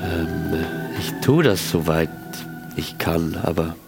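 A man's voice: sits low, fairly even intonation, slow pace, creaky. A man from Switzerland playing a character in a tabletop game, answering hesitantly in character. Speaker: player. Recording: music playing behind.

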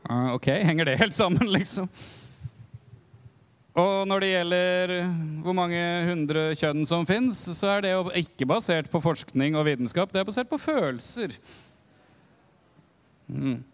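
A male preacher delivers a teaching in a frank, conversational way. His voice sits high, and he breaks off into quick asides and questions to the congregation. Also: animated. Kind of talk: sermon teaching.

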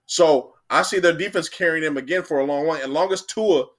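A young man on a sports podcast co-hosts a casual debate, arguing his predictions with animation while rambling and repeating himself. He sounds a little high and talks fairly quickly.

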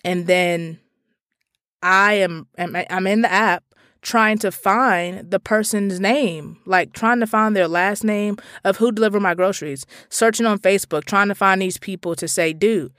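A woman hosting a podcast, delivering a comedic monologue that swings between loud profane outbursts and low asides. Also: unhurried, no room sound, clean studio sound. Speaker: podcast host.

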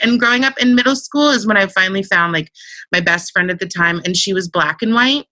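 On a podcast, a Central Virginia woman chats casually as a guest, spinning personal stories peppered with "like," "you know," and other fillers. She has a bright, forceful voice on the low side. The recording is dry.

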